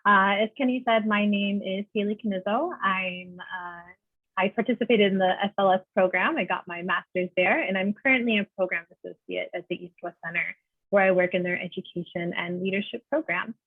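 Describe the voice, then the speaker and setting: A woman's voice: medium pitch, brisk, no room sound. Woman presenting on a tinny video call. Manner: friendly, informative, uses many "uh" fillers. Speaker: panelist presenting a teaching program. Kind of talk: online panel presentation. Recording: dry, phone-like video call audio.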